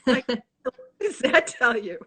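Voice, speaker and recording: A woman in her sixties from the Midwest United States, with a Chicago accent, speaks in a fairly high, husky, fairly bright voice that is very animated yet slow. She's an author guest in a casual video-call interview, talking eagerly and rambling with many restarts.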